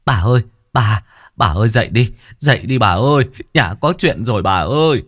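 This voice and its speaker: A man's voice: mid-range voice, expressive, unhurried, pitched above the performer's own voice, close to an everyday voice. A man voicing a panicked young male servant who stammers as he calls out. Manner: stammering, breathless.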